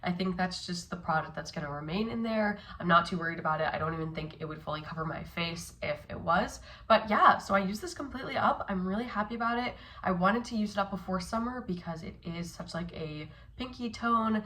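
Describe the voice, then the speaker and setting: A woman's voice: fairly low pitch, a little fast, hardly any pauses, sharp tone. A young woman vlogging casually about her makeup while sick, chatty and upbeat with plenty of fillers. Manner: chatty, upbeat, lots of likes and ums. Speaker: beauty vlogger. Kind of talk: casual vlog chat.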